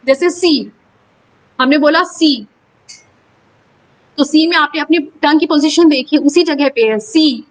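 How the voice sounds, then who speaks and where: A woman teacher with a high, bright-sounding voice gives a lecture. She talks slowly and explains each point step by step, dropping English terms into her speech. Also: rough recording. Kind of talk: classroom lecture.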